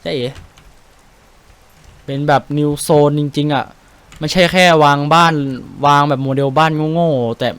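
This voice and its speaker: A young Thai-accented game streamer chats excitably through his gameplay, casually swearing as he walks through tactics. His voice sits at medium pitch.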